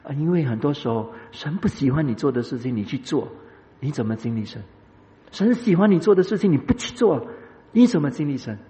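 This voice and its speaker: A man giving a sermon as pastor, speaking straight to the congregation and telling a personal story with many drawn-out filler sounds. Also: medium pitch, lively intonation, dark tone. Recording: echoey hall, dull lo-fi sound.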